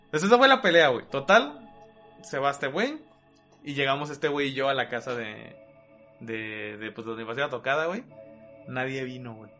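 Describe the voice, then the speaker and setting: A young man with a Mexican accent telling a story in casual chat with friends, slangy and animated, full of swearing. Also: mid-range voice, brisk, soft background music. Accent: Mexican Spanish. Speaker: podcast host.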